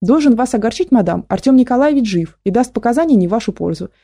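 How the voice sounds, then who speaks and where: A woman's voice: on the high side, animated, quick pace, dark tone, breathy edge. A woman voicing a teenage boy who talks in a formal, mock-polite way, in an audiobook. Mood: stern polite. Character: teenage boy holding a gun, brave but shaky.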